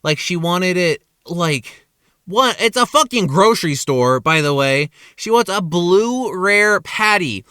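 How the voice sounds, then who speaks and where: Animated young man ranting about work. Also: high voice, takes it slowly, clean tone, no room sound, studio quality. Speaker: vlogger. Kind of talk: casual storytelling monologue. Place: parking lot at night.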